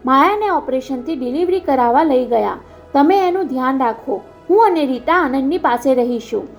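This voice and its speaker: A man's voice: very high-pitched, expressive, normal speed, gravelly, soft background music, full character voice. A woman voicing an anguished, impatient older father who talks in an urgent, pleading way, in a storybook reading.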